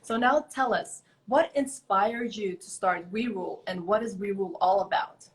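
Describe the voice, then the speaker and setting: At a moderate pace and in a mid-range voice, a podcast host chats casually through the wait for her guest on a live online interview, staying friendly and upbeat with small talk. The room echoes, with faint background noise.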